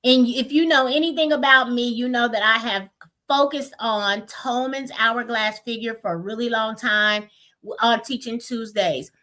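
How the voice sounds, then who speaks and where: A woman's voice: on the high side, moderate pace. A woman hosting a weekly parent webcast, teaching in a casual, emphatic way and often checking in with listeners. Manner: lively, emphatic, checks in with "right?" and "y'all".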